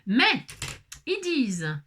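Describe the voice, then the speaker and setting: A woman's voice: sits high, wildly swooping pitch, extremely slow, sharp tone, a little hiss or hum. A woman vlogging casually as she assembles a craft kit, chatting to viewers, exclaiming and muttering to herself when pieces go wrong.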